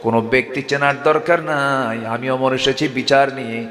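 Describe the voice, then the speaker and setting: A man preacher voicing a stern, just male caliph, declaiming with loud rising emphasis. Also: medium pitch, fairly even intonation, moderate pace, natural voice. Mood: commanding. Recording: echoey hall with long reverb.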